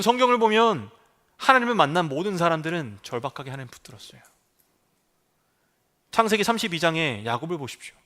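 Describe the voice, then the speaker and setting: A man's voice: a little high, sharp tone. A middle-aged male pastor preaching a sermon with emphasis, acting out pleas and cries as he goes.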